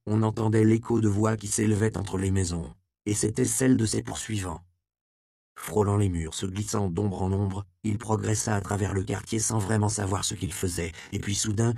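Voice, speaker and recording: A man narrating a historical novel in a steady, measured reading. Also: lowish voice, creaky, no echo, studio quality. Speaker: audiobook narrator. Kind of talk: scripted narration.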